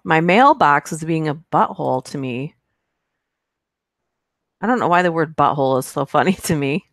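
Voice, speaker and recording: A woman hosting a live stream for her horror narration channel reads viewer comments and chats casually, rambling with fillers and giggles. Her deep voice has lively intonation and a slightly bright quality, at a moderate pace. Clean studio sound, with no room sound.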